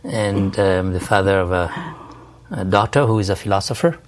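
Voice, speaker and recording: Low-voiced scholar, wry and hesitant. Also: male voice, normal speed, slight background noise. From France. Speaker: biblical scholar, guest. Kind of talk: interview.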